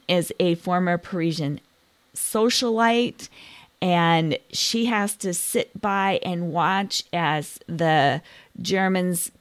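A woman with a fairly low speaking voice hosts a book podcast, sharing recommendations with eager, conversational enthusiasm. The sound is close and dry, with no room echo. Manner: enthusiastic, chatty. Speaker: podcast host. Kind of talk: casual book recommendation talk.

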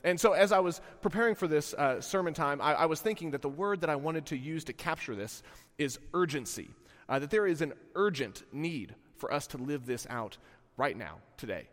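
A man's voice: a little high, expressive, moderate pace, a bit bright. A man preaching a sermon as the pastor, conversational and full of "uh"s, interviewing a church member. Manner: conversational, hesitant with many fillers. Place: church sanctuary. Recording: church hall reverb.

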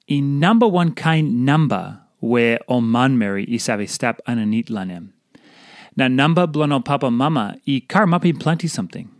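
A man with a Papua New Guinean accent reads a devotional script aloud. His voice sits at a middling pitch, and the sound is dry and close, with very little room echo. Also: darkish tone. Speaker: devotional reader. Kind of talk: scripted devotional audio reading.

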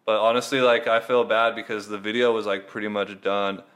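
A man's voice: lowish voice, level tone, fairly quick, a bit bright, clear, resonant tone. A young man in casual chat, laid-back and filling his talk with "like" as he recounts editing a video. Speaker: video editor and filmer.

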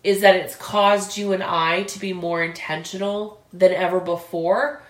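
A woman's voice: lowish voice, measured pace, reverberant. A woman co-hosting a casual podcast, affirming and effusive. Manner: effusive, affirming, bursts into excited squeals. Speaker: podcast co-host.

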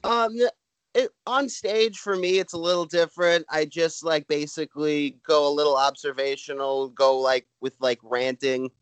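A man from Brooklyn with a Brooklyn accent chats casually as a comedian being interviewed, rambling and halting, with "like" all through his talk. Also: on the high side, steady tone, a bit bright, clean tone, no room sound. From Brooklyn, New York. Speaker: stand-up comedian, podcast guest. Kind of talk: casual chat.

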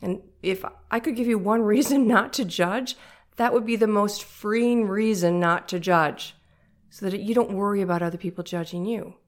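A woman's voice: mid-range voice, normal speed. A woman with a nasal voice talking conversationally as a podcast host, speaking directly and encouragingly to her listeners about faith.

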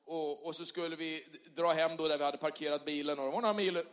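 A middle-aged male pastor preaching a sermon in a church hall, conversational with tag questions, rising to loud passionate peaks. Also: fairly high pitch, fairly even intonation. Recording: long hall reverb.

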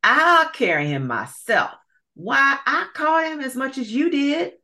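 A woman voicing a quarrelsome bad male alligator in a storybook, loud and bickering. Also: mid-range voice, very animated, measured pace, pitched above the performer's own voice. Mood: squabbling.

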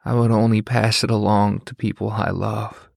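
A man voicing a grieving teenage boy in an audiobook, speaking slowly and softly with a quivering voice. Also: on the low side, little pitch movement, vocal fry, no echo, studio quality. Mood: shaken, tender. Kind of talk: audiobook character voice.

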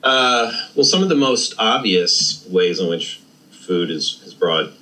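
A man's voice: deep voice, animated, slow, pushed and bright, low-quality recording. A man hosting a podcast in casual conversation, who stumbles and restarts as he asks his questions.

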